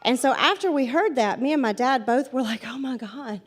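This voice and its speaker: Woman, forties, Southern US accent, paranormal investigator telling stories to an audience, talks straight to the crowd, slightly high voice, long hall echo. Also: expressive, a little fast. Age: 40s. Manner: chatty, addresses the audience directly and repeats points for emphasis. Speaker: paranormal investigator giving a talk. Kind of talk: storytelling talk to a live audience.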